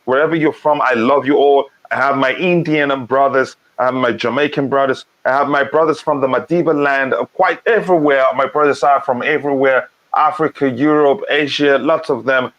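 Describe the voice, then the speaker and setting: A man's voice: mid-range voice, steady tone, fairly quick, hardly any pauses, a bit bright, dull audio. A man who grew up in Nigeria, hosting a casual live football chat stream, reading out chat comments and talking with frequent ums and restarts.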